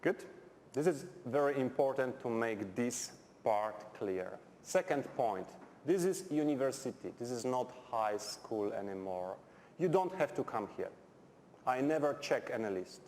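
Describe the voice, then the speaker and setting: In an echoey lecture hall with faint noise behind him, a middle-aged man from Poland lectures on university chemistry in Polish-accented, non-native English. His medium-pitched, darkish voice is expressive and a little slow, and he speaks bluntly and directly with dry humour.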